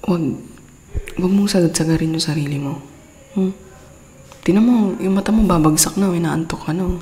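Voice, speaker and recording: A woman with a Filipino accent and a warm, fairly low voice at a moderate pace performs an intimate ASMR roleplay as an exasperated but doting girlfriend. She scolds playfully, coaxes tenderly, and code-switches into English. The room is echoey with long reverb and faint background noise.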